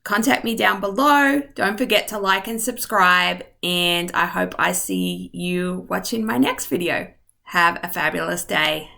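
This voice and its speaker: Narrating a real estate map tour via screen share, a woman whose voice is failing speaks at a measured pace with fairly even intonation. Her fairly low voice carries vocal fry and sounds pushed and bright, a little short on air. She stays friendly and informal, with ums and asides throughout.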